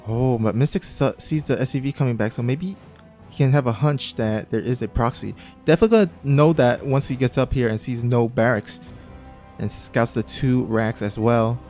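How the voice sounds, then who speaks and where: A man's voice: mid-range voice, normal speed, a little mellow. Casual jokey male co-caster. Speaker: esports co-caster. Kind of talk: live game commentary. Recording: faint music behind.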